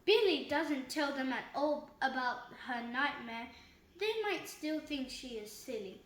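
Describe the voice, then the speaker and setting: A woman reading a children's book aloud, halting, with slips and restarts. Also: sits high, expressive. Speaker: reader. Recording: roomy echo.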